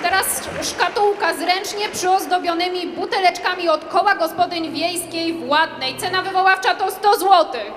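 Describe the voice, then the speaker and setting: A woman's voice: extremely high pitch, moderate pace, hardly any pauses. A young woman co-hosting an auction, announcing items and bids on stage. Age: young adult. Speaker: auction co-host. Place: large indoor sports hall, on stage. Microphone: handheld microphone through PA. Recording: noisy echoey hall PA with crowd.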